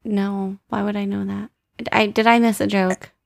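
A woman co-hosting a casual podcast with wry, teasing banter in a gravelly voice. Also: mid-range voice, flat delivery, moderate pace, slight background noise. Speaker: podcast co-host.

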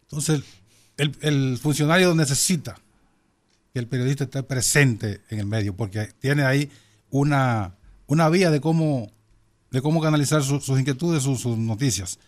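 Guy with a caribbean spanish accent on a talk panel, average pitch, kinda stop-start, repeats words. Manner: halting, repeats words as he builds a point. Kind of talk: panel discussion on current affairs.

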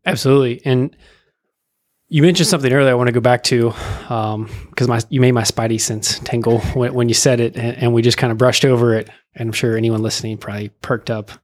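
A man's voice: medium pitch, fairly even intonation, quick pace. A man hosting a podcast interview, chatty and asking curious questions in a casual way. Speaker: podcast host.

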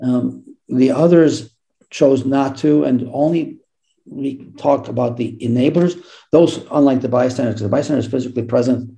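Self-mocking storyteller man, dark voice. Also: medium pitch, moderate pace, creaky, rough recording. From United States. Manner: anecdotal, self-deprecating, animated quotes. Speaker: author and law professor, guest. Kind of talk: interview answers, storytelling.

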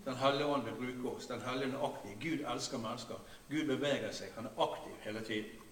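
A man, preaching a sermon in a conversational way, with frequent hesitations and often sinking into a quiet, low voice. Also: roomy sound, distant mic, slight background noise. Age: 60s. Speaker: pastor.

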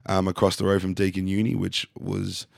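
A man's voice: low-pitched, completely flat delivery, brisk, gravelly, dry recording, studio quality. A young Australian man from Melbourne, chatting casually as a podcast guest in a joking, slangy, sweary way. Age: young adult. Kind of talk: casual chat.

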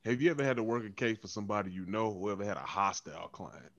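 A man's voice: fairly low pitch, fast talker, muffled recording. A man co-hosting a casual chat who asks playful, teasing questions. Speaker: co-host.

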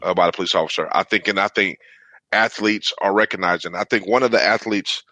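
A man's voice: low voice, steady tone, a little fast, bright, forceful tone, no echo. A man co-hosting a casual sports podcast, talking earnestly and conversationally, filling his lines with "man" and "you know.". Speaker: podcast co-host.

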